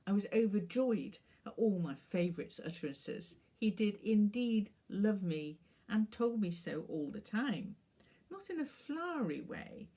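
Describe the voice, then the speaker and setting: A woman author reading her own short story aloud in a measured, wry manner. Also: medium pitch, mellow, husky.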